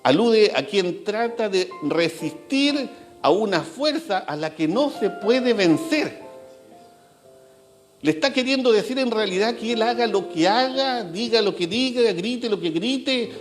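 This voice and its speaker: Man preaching, fairly high voice, very lively, soft music underneath. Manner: slows and drops low for emphasis, repeats phrases. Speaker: pastor. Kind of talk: sermon. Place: church.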